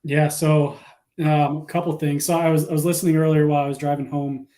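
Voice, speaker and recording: Mellow, flat-voiced man giving advice. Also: a little high, a little fast. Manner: earnest, advising, many fillers. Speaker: guest. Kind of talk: casual livestream chat.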